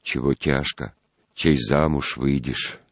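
A man's voice: rumbling low, takes it slowly, no echo, pitched below the performer's own voice, exaggerated voice. A man doing a jealous, bitter young recruit. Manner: trembling, sulky.

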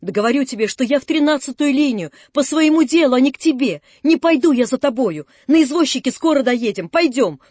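A woman voicing an earnest young man in an audiobook, urging and pleading with quiet insistence. The voice sits fairly high, and the recording is dry and close. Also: animated, a little fast, hardly any pauses, breathy edge, dry recording. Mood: urgent. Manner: urgent, pleading.

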